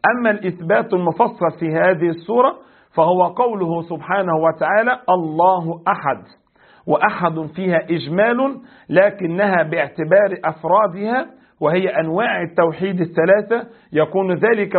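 A man with an Egyptian Arabic accent teaching a religious lesson as a sheikh. He explains slowly, recites verses and quizzes his class. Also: sits high, husky, narrow, tinny audio. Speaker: sheikh teaching a creed text.

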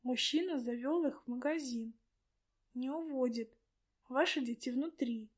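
A woman reading the part of a calm, firm female store administrator who reassures a panicking customer. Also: high voice, measured pace.

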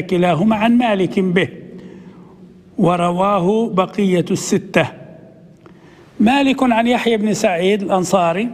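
A man, a sheikh, teaching a classical text lesson, reading passages slowly and then explaining them in a conversational way. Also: high voice, long reverb tail. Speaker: sheikh teaching hadith commentary.

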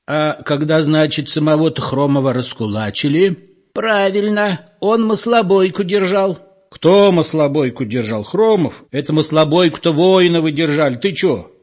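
A man's voice: a little high, slightly rough, voice pushed up. A man doing squabbling tipsy old villagers. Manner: lively, argumentative, reminiscing. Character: tipsy old villagers arguing over memories. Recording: dull lo-fi audiobook recording.

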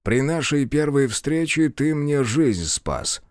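A man voicing a gruff, short-tempered male general in his seventies who speaks slowly and barks orders in an audiobook. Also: on the high side, lively intonation, no echo, studio quality, pitched above the performer's own voice. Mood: stern. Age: 70s. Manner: slow, clipped, barking orders.

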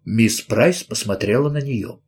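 A man reading a children's story aloud in an expressive, lively storytelling manner. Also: medium pitch, unhurried, faint music behind. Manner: lively, lifts his voice for children's lines. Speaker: audiobook narrator.

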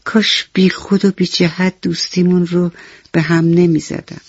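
A woman's voice: low voice, steady tone, a little mellow, no echo. A woman voicing a young girl in a bedtime story on the radio, in a lo-fi recording. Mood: regretful. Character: young girl Mahtab, upset then regretful.

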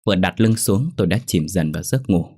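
A man's voice: low-pitched, animated, fairly quick, a little mellow, husky. A man narrating a first-person horror story in a dramatic, exclamatory manner. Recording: faint background music.

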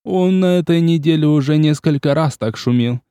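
A man voicing a nervous noblewoman who turns shrill and screeching when frightened. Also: moderate pace, dark tone, clean tone, no room sound, clean studio sound, natural voice. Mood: worried.

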